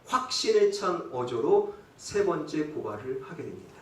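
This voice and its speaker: A man's voice: a little high, very animated, moderate pace. A male pastor preaching a sermon, dramatic, asking rhetorical questions and acting out quotes in dialect. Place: church sanctuary. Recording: echoey church from a distant mic.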